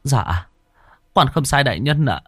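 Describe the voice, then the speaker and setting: A man's voice: medium pitch, big pitch swings, measured pace, fairly bright tone, no echo, studio quality, pitched above the performer's own voice. Man doing a stammering young soldier. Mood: panicked. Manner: stammering, repeating words.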